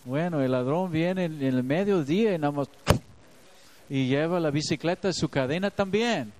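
A man's voice: on the high side, moderate pace, a little mellow, low-quality recording. A man giving a devotional Bible reflection, earnest and personal, speaking in a confessional way. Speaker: preacher.

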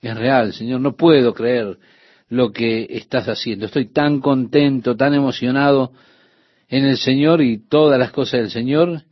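A husky-voiced man delivers a radio sermon, reading scripture and telling anecdotes with earnest expression. The recording is dry and a bit dull, like an older studio broadcast. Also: mid-range voice, unhurried, no room sound. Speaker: radio preacher.

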